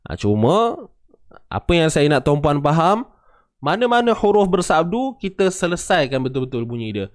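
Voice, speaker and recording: A man's voice: fairly high pitch, very animated, moderate pace. A man with a Malaysian Malay accent teaching Quran recitation in a casual lesson, often checking that listeners understand and chanting examples.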